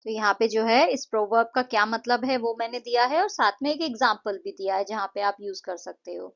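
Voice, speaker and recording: Woman tutor, slightly high voice, patient and slow on key words, dull lo-fi recording. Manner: patient, repeats words slowly to show syllables. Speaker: English tutor. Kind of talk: Hindi-English explanation of a textbook lesson.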